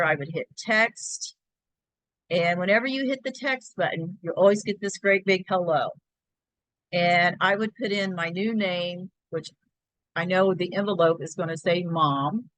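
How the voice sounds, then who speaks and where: A woman's voice: lowish voice, a bit bright, no echo, low-quality recording. A woman hosting a crafting tutorial, talking step by step through a screen-share in a chatty, think-aloud way.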